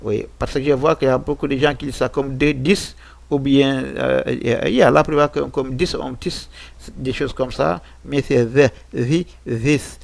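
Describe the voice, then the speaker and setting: A man teaching English pronunciation in French, slowly repeating example words with frequent hesitations and a West African French accent. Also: mid-range voice, fairly even intonation, gravelly, no echo. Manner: slow, repeating example words many times. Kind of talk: French-language pronunciation lesson on English sounds.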